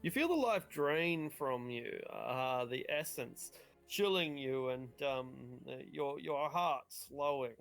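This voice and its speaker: A man running a tabletop game as game master, improvising dramatic, halting narration. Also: a little high, animated, a bit bright, soft background music.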